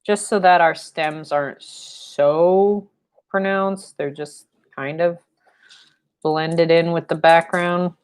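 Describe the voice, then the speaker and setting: A young woman teaching painting on a live stream speaks unhurriedly in a notably low, deep-set voice, with a steady, clean tone, as she works in her indoor home studio. Friendly and rambling, she fills her chatty asides with fillers and playful sound effects, heard through a camera mic placed a little way off in the room.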